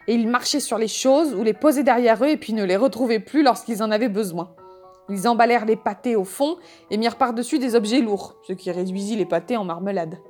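A woman reading a humorous novel aloud in measured, wry storytelling. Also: fairly high pitch, darkish tone. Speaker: audiobook reader. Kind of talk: scripted narration.

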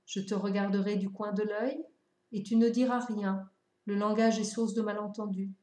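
A woman voicing a patient, wistful fox who explains things calmly and reflectively. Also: medium pitch, moderate pace, roomy sound, natural voice.

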